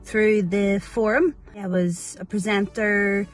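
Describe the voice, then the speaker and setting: A woman's voice: mid-range voice, steady tone, takes it slowly, soft background music. A woman in her thirties giving a casual recorded message. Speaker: former student radio presenter.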